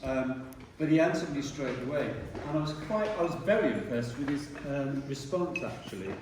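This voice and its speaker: A man, a retiring teacher giving a rambling speech at a dinner and often clearing his throat. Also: medium pitch, animated, normal speed. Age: 60s. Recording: echoey hall from far off, noisy.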